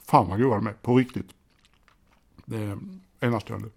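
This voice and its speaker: A man's voice: lowish voice, steady tone, vocal fry. A middle-aged man hosting a solo podcast, chatty and rambling, often restarting his sentences. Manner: rambling, self-deprecating, chatty with many restarts. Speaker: podcast host. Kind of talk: casual solo podcast monologue. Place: indoors at a desk. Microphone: desk microphone by a computer.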